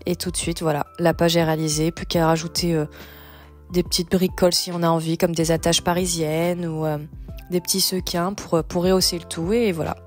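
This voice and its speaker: A woman's voice: fairly low pitch, darkish tone. A woman hosting a casual, chatty step-by-step craft tutorial, thinking aloud as she goes. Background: background music.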